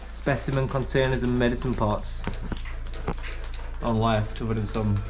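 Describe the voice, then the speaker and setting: A young man with a casual, swearing commentary, exploring a dark abandoned building on a handheld camera. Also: medium pitch, fairly even intonation. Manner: chatty, swearing, quick running commentary. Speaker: urban explorer host. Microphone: camera held at arm's length. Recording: music playing under the voice.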